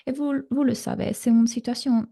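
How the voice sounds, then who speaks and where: An Italian relationship coach in her thirties leads a live online masterclass over a computer mic, sounding reassuring and using frequent fillers. She has an Italian accent and a slightly high, creaky, dark voice with fairly even intonation and a moderate pace.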